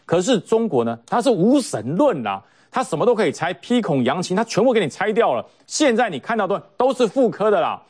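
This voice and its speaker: A man's voice: sits high, big pitch swings, a little fast, few pauses, darkish tone, breathy edge. A man giving mocking, emphatic political commentary on a talk show. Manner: mocking, emphatic, puts on quoted voices.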